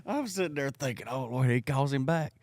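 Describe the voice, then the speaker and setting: A man, an evangelist guest telling a folksy story in an animated way. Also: a little high, brisk. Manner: folksy, drawling anecdotes with lively voiced quotes.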